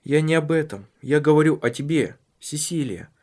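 Man voicing a calm, probing husband. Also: on the high side, voice pushed up, close to an everyday voice. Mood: earnest, probing. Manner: calm, measured and earnest.

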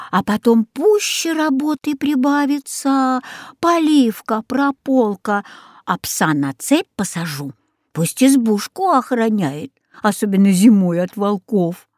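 A woman voicing a scheming old forest witch in a storybook reading, sweet and coaxing, drawn out slowly. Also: a little high, a little mellow, no echo, studio quality.

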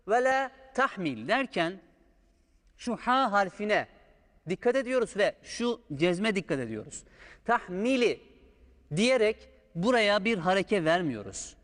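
A man's voice: high-pitched, fairly bright tone. A man teaching Quran recitation, patiently drawing out sounds to show the correct pronunciation. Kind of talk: step-by-step recitation lesson. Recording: long hall reverb.

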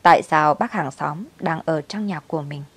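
A woman narrating a family story in a steady, brisk storytelling manner. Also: low-pitched, slightly rough, dry recording.

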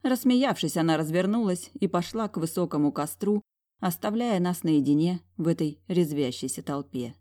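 A woman narrating a first-person romance audiobook in an even storytelling manner. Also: fairly low pitch, normal speed.

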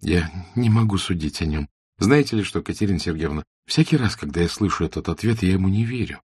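A man voicing a shy, observant young woman in a classic novel audiobook, speaking softly and earnestly. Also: deep voice, expressive, quick pace, slightly rough, no room sound, studio quality, exaggerated voice. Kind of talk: audiobook character reading.

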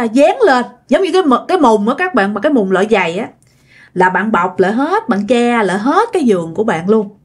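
A woman telling a ghost story in a chatty, animated way, speaking directly to her listeners. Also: mid-range voice. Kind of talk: casual ghost story narration.

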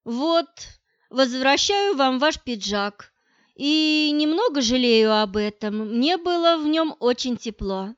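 A woman's voice: high voice, animated, slow, clean tone, no echo, dull audio, voice pushed up. A woman reading the lines of a confident, coquettish young woman in an audiobook, in a sweet, coaxing manner.

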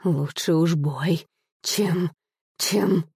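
A woman's voice: fairly low pitch, extremely slow, darkish tone, breathy edge, dry recording, clean studio sound, heavily acted. A woman voicing a whimpering, frightened aging nobleman. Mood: fearful. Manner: pleading, whimpering.

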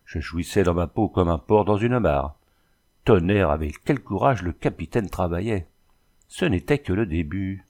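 A man reading an adventure novel aloud with a lively, dramatic delivery. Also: low-pitched, normal speed. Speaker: audiobook reader. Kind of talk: storybook narration.

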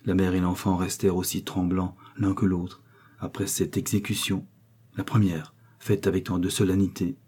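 A man reading a classic novel aloud in a measured narrating voice. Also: sits low, level tone, mellow, breathy edge. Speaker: audiobook reader. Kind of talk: literary audiobook narration.

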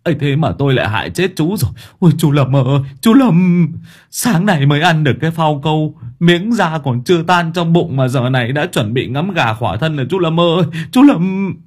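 A man voicing a young male drug-addict friend who keens a loud, theatrical lament over his buddy. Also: a little high, expressive, fairly quick, breathy edge, pitched above the performer's own voice. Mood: wailing.

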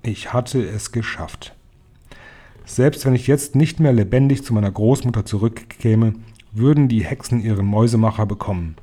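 A man reading an audiobook aloud as a lively, animated storyteller. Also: on the low side, slightly rough. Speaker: audiobook reader. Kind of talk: scripted audiobook narration.

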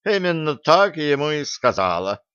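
A man's voice: fairly high pitch, very animated, normal speed, fairly bright tone, smooth, no echo, dull audio, pitched above the performer's own voice. A man playing a gleeful, gossipy gnome hologram girl. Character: cheeky female gnome hologram, ship's program.

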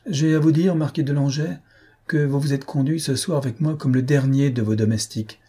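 A man's voice: steady tone, mellow, breathy edge, lightly acted. A man doing a grave, solemn swordsman. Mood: grim solemn. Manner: slow, low and solemn. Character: grave proud male swordsman, solemn and wounded.

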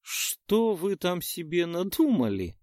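A man reading aloud and voicing a proud, scheming queen of summer with a mocking, self-satisfied manner, in a higher voice than his own. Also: very animated, takes it slowly, a little mellow, no room sound, clean studio sound, heavily acted. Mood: amused, scheming.

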